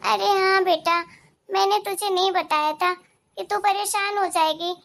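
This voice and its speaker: Figure: a woman doing a gentle worried mother, high voice. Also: steady tone, measured pace, creaky, full character voice. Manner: soft, reassuring, explaining.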